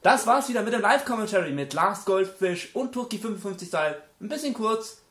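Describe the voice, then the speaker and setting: A man giving casual, slangy live commentary on a video game in an excitable manner, speaking as the host. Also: sits high, fairly quick. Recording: echoey room, distant mic, loud chatter.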